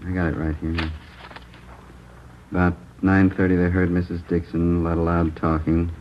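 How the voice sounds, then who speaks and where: There's a faint hum under this low-pitched man speaking at normal speed in a natural voice. He's an actor cast as a police lieutenant in 1950s radio drama, methodically going through what neighbors heard the night of the killing, captured on a dull old broadcast recording.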